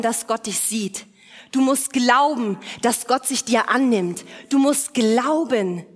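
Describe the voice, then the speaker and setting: A woman's voice: high-pitched, fairly bright tone, big-room sound. A woman preaching a sermon, emphatic, driving points home with repeated phrases.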